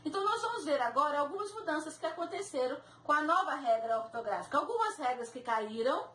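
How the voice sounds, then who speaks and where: A woman teacher giving a recorded grammar lecture with slides, slow and deliberate, spelling out and repeating each example word. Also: sits high, lively intonation, fairly bright tone. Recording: echoey room, faint background noise.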